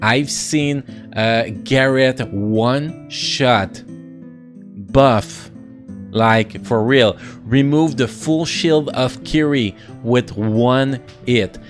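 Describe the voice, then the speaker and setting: A man with a French accent giving casual, excitable commentary on a mobile game, full of restarts and playful sound effects. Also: medium pitch, extremely slow, faint music behind.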